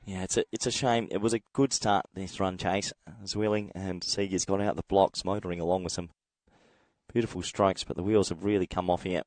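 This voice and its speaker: A man from Australia calls a cricket match on his own, his voice a little croaky from a head cold. He sits low in pitch and sounds close and dry, with no room around him, chatting easily between deliveries. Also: fairly even intonation, a little fast, a little mellow, no room sound. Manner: chatty, reads out viewer comments. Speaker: cricket commentator. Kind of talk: solo live sports commentary.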